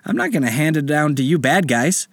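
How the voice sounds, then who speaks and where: An eager little boy with a much higher, brighter voice than the teller's, full of excited questions, as a man puts him on for a story. The recording is dry and close. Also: fairly quick, dry recording. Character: eager, curious young boy.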